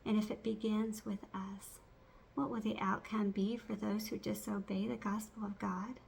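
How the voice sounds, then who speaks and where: Female reciter, gravelly fry, restrained intonation, delivering memorised scripture by rote in measured phrases. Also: medium pitch, little pitch movement, a little mellow, slight background noise.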